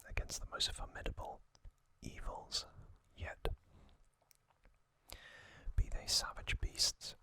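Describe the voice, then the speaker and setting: A man hosts an ASMR video, offering trivia and commentary in a gentle, breathy whisper. His phrases are short, broken and unhurried.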